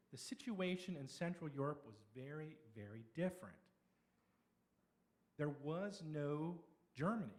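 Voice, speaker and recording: A middle-aged man from Pennsylvania giving a conversational slide lecture on history, with explanatory pauses and restarts. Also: fairly high pitch. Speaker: local history speaker.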